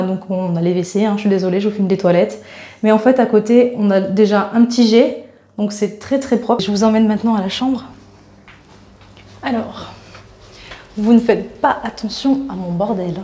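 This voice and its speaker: A woman's voice: medium pitch, mellow, slightly rough. A young woman travel vlogger chatting casually while walking through a guest house, talking into a handheld camera with many fillers and restarts. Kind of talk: casual vlog chat, walking tour.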